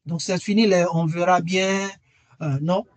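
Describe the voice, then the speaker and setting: High-voiced man pitching a webinar course. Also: steady tone, a little slow, dry recording. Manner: earnest and persuasive, repeats key phrases. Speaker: webinar presenter and AI trainer.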